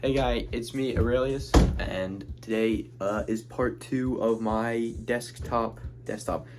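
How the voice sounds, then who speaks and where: Young male vlogger, excitable, rambly, fillers, music playing behind, average pitch. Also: takes it slowly. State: swollen lip. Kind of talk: casual unboxing vlog.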